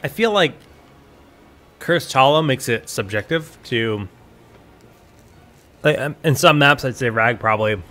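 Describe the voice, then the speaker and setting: A man's voice: mid-range voice, a bit bright. A man giving esports draft analysis, thinking aloud with hesitant restarts as he works through his ideas. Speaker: esports caster.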